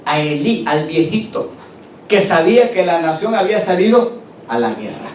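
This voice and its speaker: A man preaching a sermon, slowing down to stress scripture and calling on the congregation to answer back. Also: very animated, a little mellow. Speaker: pastor. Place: church hall. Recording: roomy church recording from a distance, faint rumble.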